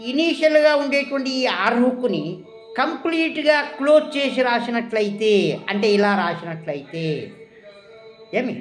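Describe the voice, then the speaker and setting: In a reverberant room, a woman with a high-pitched voice teaches a shorthand classroom lesson. She quizzes her listeners with questions and then answers them herself.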